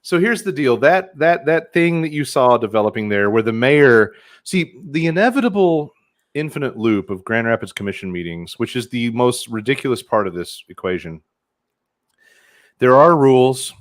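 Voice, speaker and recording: A man's voice: medium pitch, lively intonation, moderate pace. A man hosting a podcast with crude, sarcastic commentary. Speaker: host.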